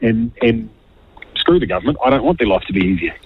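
A man's voice: medium pitch, huge pitch swings, fast talker, creaky, a little hiss or hum. A man calling in to a radio show over a phone line, chatting bluntly and jokingly. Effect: heard over a phone line. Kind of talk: casual phone-in chat.

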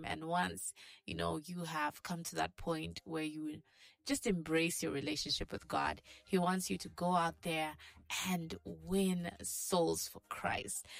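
Female morning radio DJ, breakfast host. Gravelly fry, dry studio sound, exhortative and encouraging, addresses the audience directly. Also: fairly low pitch, no room sound. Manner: encouraging, exhortative, with rhetorical check-in questions. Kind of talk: morning radio DJ hosting, talking straight to listeners.

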